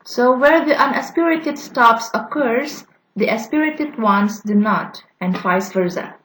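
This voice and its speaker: Halting young woman giving a class talk. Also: fairly high pitch, a bit bright, a little hiss or hum, low-quality recording. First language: Indonesian. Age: young adult. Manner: halting, with frequent "uh" fillers and restarts. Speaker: student presenter. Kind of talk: class presentation on phonetics.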